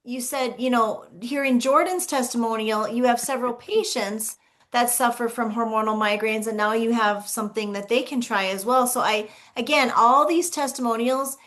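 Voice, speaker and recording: A woman hosts a video call chat, her voice bright and a touch high. She gushes with enthusiasm and praise for her guests. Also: normal speed. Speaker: host.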